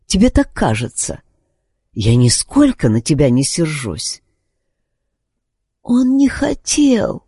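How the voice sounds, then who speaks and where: A man's voice: on the high side, wildly swooping pitch, slow, pauses often, mellow, slightly rough, no room sound, clean studio sound, exaggerated voice. A man reading an audiobook voices a frail, feverish noblewoman who pleads in a faint, strained near-whisper. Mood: pleading.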